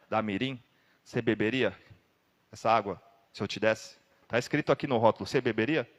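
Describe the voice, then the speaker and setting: A man preaching a sermon with a Brazilian Portuguese accent, telling a dramatic story and breaking into loud cries now and then. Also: mid-range voice, big-room sound.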